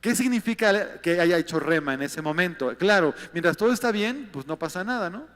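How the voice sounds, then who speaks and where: High-voiced Mexican pastor preaching in a hall. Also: male voice, expressive, fairly quick, fairly bright tone. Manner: conversational, peppered with rhetorical questions to listeners. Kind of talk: sermon.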